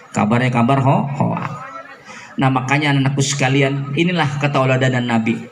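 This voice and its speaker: A man, preaching to school students in lively storytelling, acting out dialogue and shouting at high points. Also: slight background noise. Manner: animated storytelling, acts out dialogue, shouts at peaks. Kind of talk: religious talk to school students. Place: school hall. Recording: echoey hall, faint ambience.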